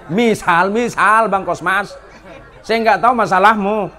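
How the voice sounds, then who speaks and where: Man, preacher, fairly high voice, joking storytelling sermon, emphatic, faint audience behind. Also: a little slow, a faint crowd. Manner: lively, joking with the audience, rising to emphatic exhortation.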